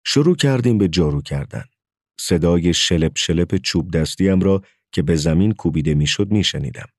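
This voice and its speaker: A man's voice: deep voice, lively intonation, dry recording, clean studio sound. A man narrating a story as an audiobook, telling it expressively.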